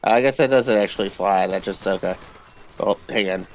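Over music and the gunfire and ambience of a video game, a man with a lowish voice talks at a normal speed. He chats casually while playing a co-op game, tossing in playful, jokey asides.

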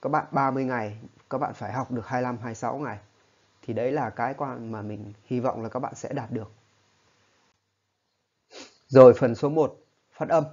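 A man's voice: medium pitch, normal speed, pauses often, darkish tone, highs cut off. Patient man teaching. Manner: patient, explanatory, often checks in with listeners. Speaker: English teacher. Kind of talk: spoken lesson.

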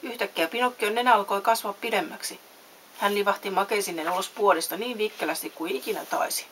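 Woman narrator, children's storybook read-aloud, middle pitch, faint tape hiss. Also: low-quality recording. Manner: reads voices with raised pitch and loudness.

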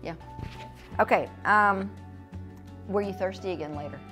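A woman's voice: medium pitch, a little slow, a bit bright, faint music behind. A middle-aged American woman teaching a children's church lesson in a classroom, chatty and informal, with easy laughs. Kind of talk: casual teaching demonstration. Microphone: fixed camera, mid distance.

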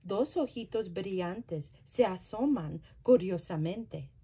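A woman working as a library storyteller, reading a children's story aloud slowly and very expressively. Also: medium pitch, lively intonation, warm tone, a little hiss or hum.

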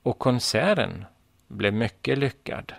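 Calm male narrator for a children's story, gravelly, dry. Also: mid-range voice, dry recording. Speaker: story reader.

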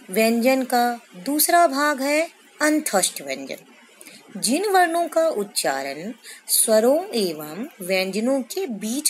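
A woman teacher explaining a lesson slowly to children, stretching out sounds and examples. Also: fairly high pitch, a little hiss or hum. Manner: slow, explanatory, addresses children, drawn-out syllables. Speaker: school teacher. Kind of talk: recorded classroom lesson.

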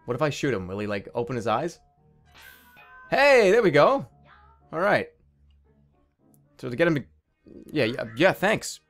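A man's voice: a little high, very animated, a little slow, pauses often, fairly bright tone, soft background music. A man doing comedic gameplay commentary as a streamer, incredulous, exasperated and sweary. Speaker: gaming streamer.

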